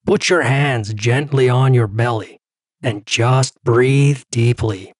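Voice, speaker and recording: A man doing a slow, soothing meditation therapist. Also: medium pitch, no room sound, studio quality. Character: calm male therapist guiding meditation.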